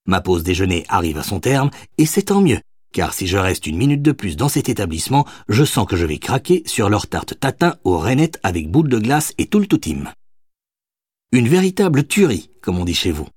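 A man's voice: on the low side, sing-song, moderate pace, a little mellow, husky, dry recording, studio quality. A man voicing a tipsy, teasing young Parisian woman in an audiobook, speaking in a playful, mock-formal way.

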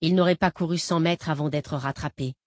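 Low-voiced woman narrating a novel. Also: fairly even intonation, brisk, no echo, clean studio sound. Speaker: audiobook narrator. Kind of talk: scripted narration.

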